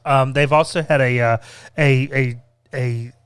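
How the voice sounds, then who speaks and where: A man's voice: medium pitch, fairly even intonation, a little slow, smooth, no room sound. A man co-hosting a casual, conversational food review, often repeating words as he feels his way through a sentence. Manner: hesitant, repeats words as he goes. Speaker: co-host reviewing theme park restaurants.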